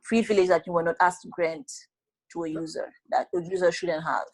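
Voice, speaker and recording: A woman with a fairly low voice leads a study session, explaining each step of a database exercise. She keeps asking "right?" to check that her classmates follow, and she corrects mistakes bluntly. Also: fairly quick, rough recording. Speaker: student tutor leading a database class session.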